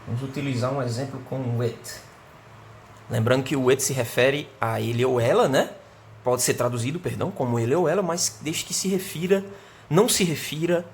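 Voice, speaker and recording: A Brazilian man teaching an English grammar lesson online. He explains patiently, keeps asking "né?" and "certo?", and slows down to model the English sentences. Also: medium pitch, slight background noise. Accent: Brazilian Portuguese.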